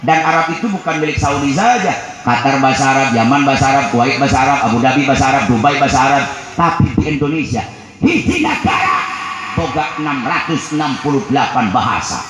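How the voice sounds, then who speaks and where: A Sundanese man from West Java with a Sundanese accent, preaching a comic sermon to a live crowd and calling for answers, swinging from jokes to shouted preaching. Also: medium pitch, fast. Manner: call-and-response, swings from joking to shouted preaching. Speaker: Islamic preacher. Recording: very echoey live hall with background noise.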